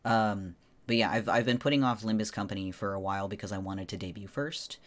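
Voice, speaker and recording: A man's voice: on the low side, steady tone, brisk. A man streamer talking casually and informally to viewers on a solo livestream, in a rambling way.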